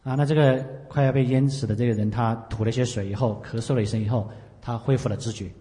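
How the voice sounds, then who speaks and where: Guy translating a sermon real fast, mellow dark voice, long hall echo. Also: mid-range voice, fairly even intonation. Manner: rapid, with frequent "ah" fillers and restarts. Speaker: interpreter. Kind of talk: live sermon interpretation. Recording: echoey hall with long reverb.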